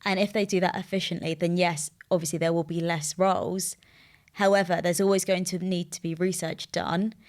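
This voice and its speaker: A young British woman with a fairly low voice, a recruitment firm co-founder, is a guest on a podcast. She talks fairly quickly in a loose, friendly, chatty way, thinking aloud and leaning heavily on "like" and "you know." It's casual interview chat.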